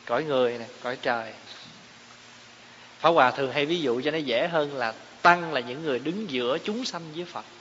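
A man's voice: on the high side, bright, forceful tone. A man giving a Buddhist dharma talk, explaining terms and asking his listeners rhetorical questions. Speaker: Buddhist teacher. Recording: echoey hall, dull lo-fi sound, faint hiss.

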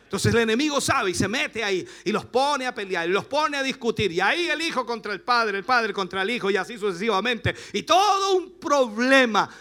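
A middle-aged man with a Chilean accent, preaching a sermon as pastor, passionate and rising to shouts. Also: extremely high pitch, big pitch swings, brisk.

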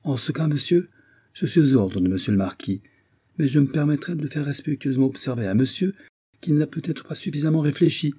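A long-suffering male valet complains in a plaintive, deferential way in an audiobook, voiced by a male reader. The pitch rides above the reader's usual low tone. It stays dark and husky. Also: brisk.

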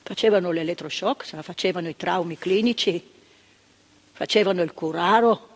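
In a stage monologue, an actress with a lowish, husky voice and moderate pace plays an indignant older woman recalling her time as a psychiatric hospital ward worker. Her vivid storytelling swings from hushed tones to emphatic outbursts.

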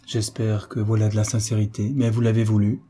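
A man voicing a courteous young officer who teases gently at a ball. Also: on the low side, completely flat delivery, fairly quick, husky. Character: young male officer, polite and teasing.

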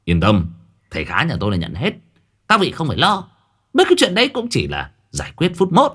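A boastful young hustler rattles off quick sales patter to a crowd, played by a man narrating. His voice jumps around with eager energy. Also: on the high side, huge pitch swings, a bit bright, husky, pitched above the performer's own voice, heavily acted. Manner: fast showy patter. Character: boastful young male hustler, cheeky sidekick.

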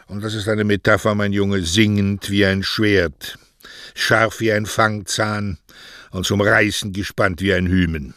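A man's voice: on the low side, fairly even intonation, measured pace, fairly bright tone, dry recording, studio quality. A man voicing an aging male poet who talks in a theatrical, mocking, florid way.

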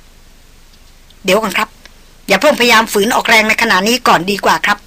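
A woman's voice: medium pitch, fairly even intonation, moderate pace, bright, forceful tone. A woman voicing a stern, polite veteran male jungle hunter in a read-aloud adventure novel. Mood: calm firm.

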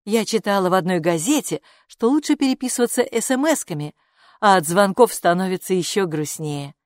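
A woman's voice: medium pitch, expressive, fairly quick, no echo, close to an everyday voice. A storybook mother, tired and sad, with a weary, sighing way of talking, as a woman narrator voices her. It is close to the reader's own voice, recorded dry and close.

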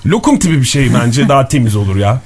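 A man rattles along at a quick clip as he co-hosts morning radio from a studio. He jokes and teases his co-hosts in loose, easy banter, and his pitch sits right in the middle. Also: big pitch swings, darkish tone, slightly rough. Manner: joking, teasing. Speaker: radio show co-host.

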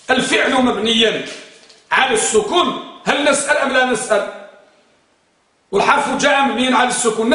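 A man's voice: extremely high pitch, pushed and bright, recorded from a distance. A man teaching Arabic grammar to a class, often firing questions at the students and chanting rules in verse. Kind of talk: classroom lesson. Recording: very echoey room.

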